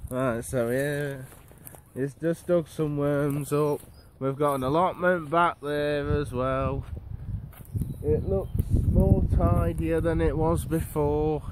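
Walking through gardens and allotments with his phone held out at arm's length, a young man talks casually for his vlog in a laid-back, rambling style. His voice is a little high, with fairly even intonation, and he takes his time. There is background noise.

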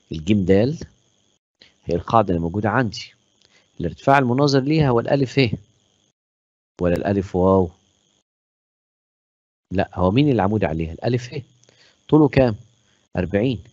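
A man's voice: on the low side, darkish tone, no room sound. A man with an Egyptian accent teaching a math lesson online, asking questions aloud, answering them himself and praising his students. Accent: Egyptian Arabic. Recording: dull lo-fi stream audio.

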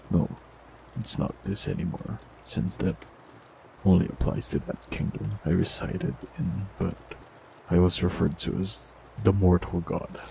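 A man performs a scripted fantasy audio roleplay in a very deep, gravelly voice, speaking into a close mic with calm gentleness and a softly teasing edge. A faint hiss sits under the recording.

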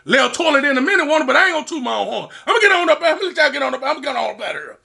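Gravelly, bright-voiced man hyping himself. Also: very high voice, rapid-fire. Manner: animated, hypes himself up, calls out to viewers. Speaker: mukbang host. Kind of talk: casual storytelling to camera while eating.

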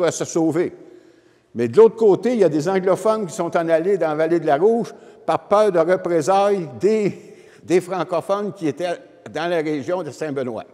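A historian in his seventies with a Quebec French accent gives an informal public lecture through a handheld mic, explaining history and addressing the audience directly. His voice is a little high with a darkish tone. The wood-panelled lecture room gives the recording a reverberant hall sound.

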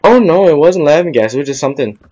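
A man's voice: on the high side, lively intonation, quick pace, darkish tone, lo-fi sound. A young man telling a rambling story in casual chat, repeating "I'm like" and laughing at himself. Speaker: podcast co-host.

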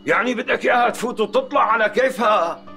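Bossy syrian dad yelling at home, fast talker, faint music behind. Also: male voice, very high-pitched. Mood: exasperated. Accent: Syrian Arabic. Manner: shouting, harsh and domineering. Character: hot-tempered father, shopkeeper, stern and loud. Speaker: father. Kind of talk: TV drama acting.

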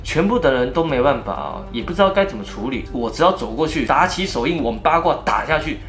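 Animated male ghost-story teller. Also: mid-range voice, fast talker. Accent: Taiwanese Mandarin. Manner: animated storytelling, acting out the scenes. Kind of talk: first-person ghost story narration.

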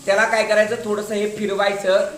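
A male teacher with a high, completely flat voice briskly shows his class a craft, repeating every step and telling the pupils to watch. The roomy classroom gives the recording a clear echo.

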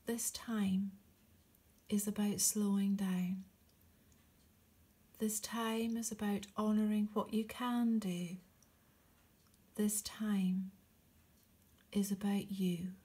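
Leading a meditation at a very slow pace, a woman uses short, encouraging phrases separated by long pauses. Her mid-range voice is soft and breathy, frequently nearing a whisper, with fairly even intonation and a gentle, soothing tone.

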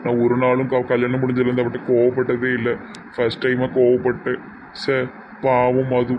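A man's voice: medium pitch, monotone, normal speed, noisy background. A man with a Tirunelveli Tamil accent acting in a comedy sketch, talking in a stern, grumbling way. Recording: dull lo-fi sound.

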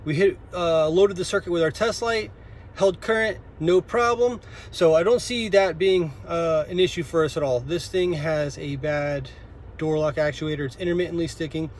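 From the seat of a parked car, an auto technician in his thirties talks through a repair casually and step by step, recorded on a phone close to him. His pitch is fairly high and his pace moderate.

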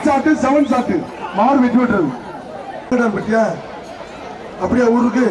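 A man with a Tamil Nadu accent giving excited, repetitive live commentary at a bull-taming event, shouting and urging people on over a loudspeaker. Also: very high voice, unhurried. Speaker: jallikattu commentator. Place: outdoor bull-taming arena. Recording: distant echoey PA, noisy crowd. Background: crowd noise.

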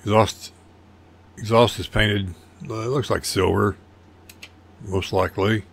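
A man's voice: on the low side, steady tone, unhurried, gravelly, breathy edge. An older man casually narrating his model car build over photos, rambling and folksy with a self-deprecating humor.

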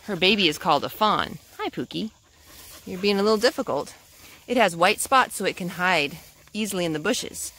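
Holding the camera herself in a forest, a woman reads a picture book and chats informally with her little one. Her medium-pitched, fairly bright voice takes on a sing-song, child-directed tone. The recording is clearly noisy.

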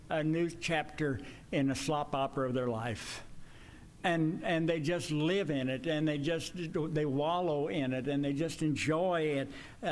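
Older male preacher, slightly high-pitched, folksy and conversational, speaking from the pulpit into a stand mic. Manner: folksy, conversational, pitch swings up when emphatic. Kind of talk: sermon. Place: church sanctuary with pews.

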